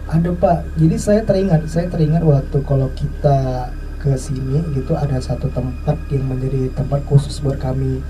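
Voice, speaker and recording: A man's voice: mid-range voice, steady tone, moderate pace, recorded from a distance. A man casually retelling a mysterious personal experience in a rambling, reflective way, off-mic with faint noise behind. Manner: rambling, reflective, many filler tags. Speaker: storyteller.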